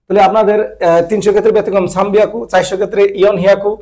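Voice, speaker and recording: A man's voice: high voice, level tone, rapid-fire, a little mellow. A man teaching a language lesson, speaking patiently and repeating each term, often checking that students follow. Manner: patient, repeats terms and checks "ঠিক আছে?".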